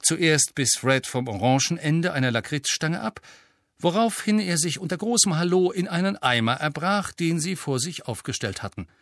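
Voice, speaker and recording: A man narrating an audiobook in an even, measured reading. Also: fairly high pitch, no room sound, studio quality. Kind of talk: scripted narration.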